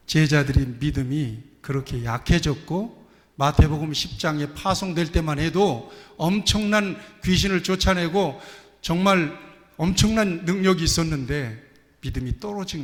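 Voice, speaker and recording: A man preaching a sermon as pastor, telling stories with lively asides. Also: fairly high pitch. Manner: animated storytelling, acting out quoted voices. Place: church sanctuary. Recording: church hall reverb.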